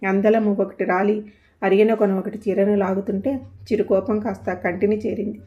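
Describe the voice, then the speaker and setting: A woman's voice: medium pitch, flat delivery, moderate pace, muffled recording. A woman narrating a scripted story in a poetic, descriptive way.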